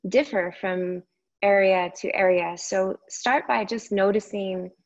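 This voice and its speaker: A woman yoga teacher leads a meditation in a mid-pitched voice, speaking slowly and gently with long gaps between short phrases. The recording is somewhat muffled and lo-fi.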